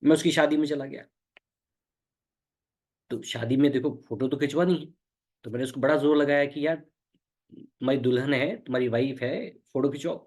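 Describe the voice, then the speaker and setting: A middle-aged man teaching a spoken English lesson, explaining through everyday stories and repeating words slowly. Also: mid-range voice, a little mellow.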